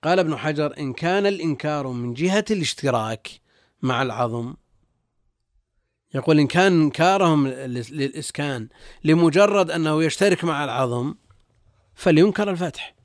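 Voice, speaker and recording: A man's voice: fairly high pitch, lively intonation, a little fast, dry recording. Male scholar explaining texts in formal Arabic, dry sound. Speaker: religious scholar, guest teacher.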